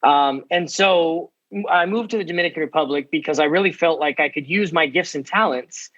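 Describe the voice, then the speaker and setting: A man in his forties from the United States, a podcast guest telling his story with energy and quick asides. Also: on the high side, fairly bright tone, highs cut off. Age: 40s. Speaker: guest, ministry founder. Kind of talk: podcast interview.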